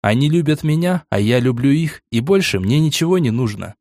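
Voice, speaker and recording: A man giving an even, measured first-person audiobook narration. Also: mid-range voice, dry recording, clean studio sound.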